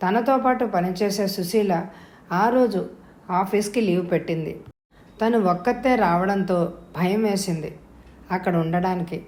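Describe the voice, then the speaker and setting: A woman narrates an audio novel in a steady, measured way. Her voice is mellow and darkly soft, and the recording carries a noticeable roomy echo. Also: medium pitch. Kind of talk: scripted narration.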